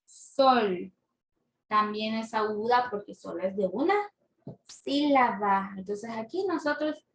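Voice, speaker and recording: A woman teaching a slow classroom lesson, patiently repeating words and syllables aloud. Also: mid-range voice. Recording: echoey room.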